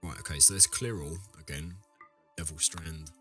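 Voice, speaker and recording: The let's play host's voice is extremely low, steady in tone, bright and forceful at a moderate pace, deepened by an illness you can hear. He chats casually with viewers as he plays, wandering off track and correcting himself. Faint music sits in the background.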